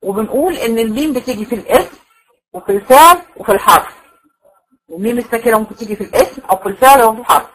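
Her voice on the high side and a bit bright, the Egyptian Arabic-accented teacher delivers a rapid-fire classroom lecture on Quran recitation, captured in low quality. She works through each point step by step, repeating it to verify understanding.

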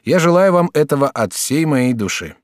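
A male audiobook reader voicing a courteous, talkative young student in his early twenties who speaks with a raised, excitable voice. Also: fairly high pitch, moderate pace, no room sound, clean studio sound, voice pushed up. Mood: eager. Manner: bright, animated, polite and excitable. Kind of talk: audiobook character reading.

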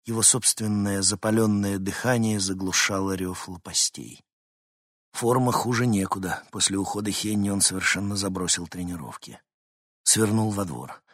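Husky low-voiced male audiobook narrator. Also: fairly bright tone, no room sound, studio quality. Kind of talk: scripted narration.

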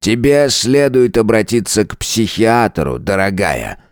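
A man's voice: lowish voice, very animated, measured pace, no room sound, studio quality. Man doing a stern, sarcastic older husband. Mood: cold. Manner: curt, cold, mocking.

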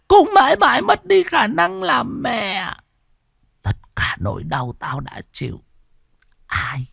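A man's voice: high voice, gravelly, pushed and bright, slightly rough, no echo, clean studio sound, heavily acted. A man voicing a vengeful, scheming old village woman who hisses and drops into whispers in an audio storybook. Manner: bitter, hissing, swings into whispers.

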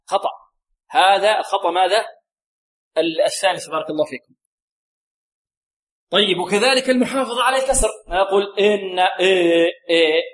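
High-voiced Arabic recitation teacher. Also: male voice, fairly bright tone. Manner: demonstrates recitation slowly, repeating words; asks questions and answers them himself. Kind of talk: tajweed lesson with call-and-response questions.

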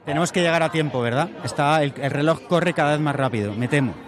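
A man's voice: fairly high pitch, fast. A man reporting for community radio, interviewing people at a street protest with brief, friendly questions. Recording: outdoor street recording with crowd and traffic noise. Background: crowd and traffic.

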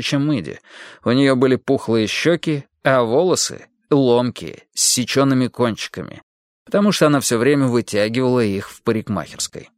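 A man narrating an audiobook in a lively, expressive reading. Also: medium pitch, no room sound, studio quality.

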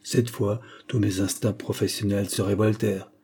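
Male audiobook narrator, measured and earnest, husky and warm. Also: fairly low pitch, level tone.

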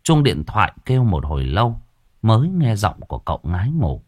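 A man narrating a ghost story in a lively, expressive way. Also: fairly low pitch, fairly quick, dry recording, clean studio sound.

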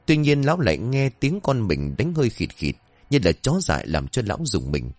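A man narrating a horror-comedy story in an expressive storytelling voice. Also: fairly low pitch, no echo.

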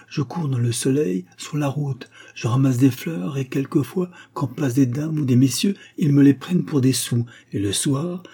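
A man's voice: mid-range voice, mellow, breathy edge. A man voicing a poor wandering little girl in a storybook reading, pleading in a raised, childlike voice.

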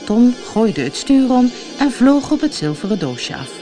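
A woman from the Netherlands reading a children's audiobook aloud with expressive storytelling. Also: on the high side, measured pace, music in the background. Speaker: storybook reader.

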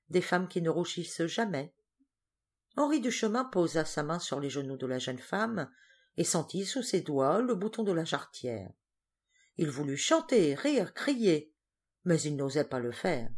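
A woman reading a novel aloud as an audiobook narrator, in an expressive literary narration. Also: low voice. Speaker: audiobook reader.

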